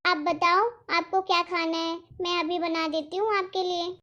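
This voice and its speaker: A patient young cartoon wife speaks in a very high, soft, pleading voice. She keeps trying to smooth things over. The recording sounds dull and lo-fi. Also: little pitch movement, normal speed. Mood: placating. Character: meek polite young wife, gentle and patient. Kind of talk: animated cartoon voice acting.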